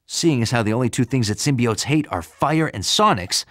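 A man acts out a young American superhero from a video game, cocky and full of quips. His pitch bounces freely from line to line, and the sound is close and dry. He comes across as upbeat and animated. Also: normal speed, dry recording, close to an everyday voice. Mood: focused, analytical. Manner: quippy, animated.

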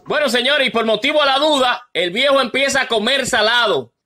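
A man telling a joke on the radio in a lively, chuckling manner. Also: very high voice, brisk. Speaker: joke teller. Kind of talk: comic storytelling on radio.

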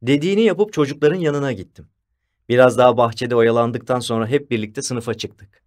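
A man's voice: mid-range voice, darkish tone. Fields: man narrating an audiobook. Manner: measured storytelling. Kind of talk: scripted first-person narration.

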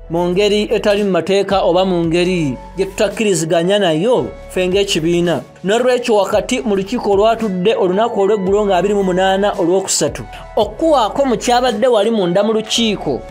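A man's voice: high voice, darkish tone. A Ugandan man presenting an online news bulletin as a voice-over, emphatic and fond of repeating phrases for effect.

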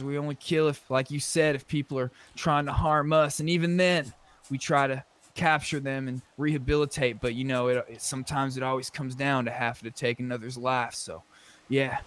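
His voice is fairly high and a bit bright, brisk with a steady tone, as he chats casually in character. The man is a player in an online zombie survival roleplay, talking through clearly noisy gaming voice chat.

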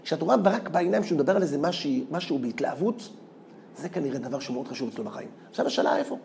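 High-voiced rabbi telling lively stories. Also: male voice, vocal fry, slight background noise. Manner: animated, repeats words, laughs as he tells stories. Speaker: rabbi giving a lecture. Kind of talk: lively storytelling lecture.

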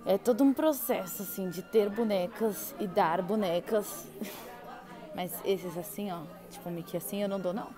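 A young travel vlogger from Brazil browses gift shops inside a theme park, chatting casually and gushing to viewers. Her medium-pitched voice moves at a normal speed, with music playing behind her.

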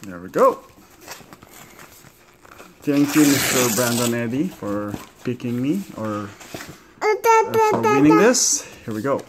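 A man in an excited, chatty unboxing vlog at home, laughing often as he talks to the camera. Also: medium pitch, slow pace, long pauses, heavy background noise. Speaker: vlogger. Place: home, at a table.

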